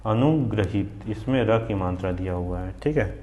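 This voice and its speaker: A Hindi teacher from Chhattisgarh with a regional accent drills exam spellings, asking questions and answering them himself. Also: male voice, fairly low pitch, expressive, normal speed, warm tone, roomy sound, muffled recording. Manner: repetitive drilling, asks then answers himself. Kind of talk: spelling lesson for exam students.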